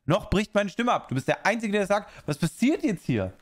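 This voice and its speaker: A man's voice: sits high, big pitch swings, fairly quick. A man streaming live, chatting casually while reacting to a video and answering viewer chat in rambling asides.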